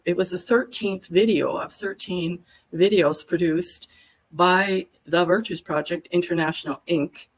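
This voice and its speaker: Chatty older woman, lowish voice. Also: unhurried, poor audio. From Alberta, Canada. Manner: chatty storyteller, long detailed answers. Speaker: guest, workshop facilitator. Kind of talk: casual conversation on a live stream.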